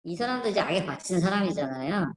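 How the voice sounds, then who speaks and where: A woman's voice: lowish voice, expressive, quick pace. A woman hosting an online channel, talking through images on screen in a rambling, skeptical way, with many fillers and restarts. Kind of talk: casual spoken commentary. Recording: echoey room.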